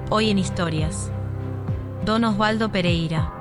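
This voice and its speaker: A woman's voice: medium pitch, measured pace, over loud music. A woman announcer reading scripted documentary introductions.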